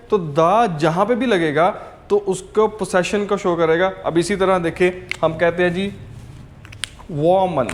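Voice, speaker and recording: A man with a high voice teaches a beginner lesson at an unhurried pace. He repeats each word slowly so learners can say it back after him. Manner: patient, repeats words for learners to copy, says "ok" often. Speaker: language teacher. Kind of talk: slow step-by-step language lesson.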